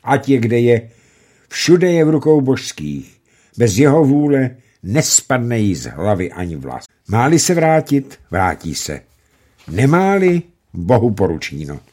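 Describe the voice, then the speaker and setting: A man reading the part of a stern, pious old farmer father who speaks firmly and gravely. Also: medium pitch, sing-song, mellow, pitched above the performer's own voice. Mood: emphatic. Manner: firm, grave and emphatic.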